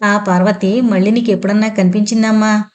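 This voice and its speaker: A woman's voice: medium pitch, steady tone, fairly quick, a little mellow, lightly acted. Woman doing a firm, insistent father. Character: determined older father, firm and probing.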